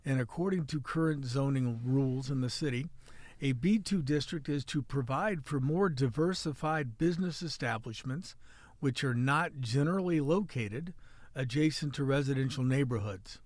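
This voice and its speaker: With no room sound, a middle-aged Midwestern American man talks at a normal speed in a mid-range, slightly mellow voice. As podcast host and city editor, he rambles and jokes through casual chat and a rundown of local news, often restarting.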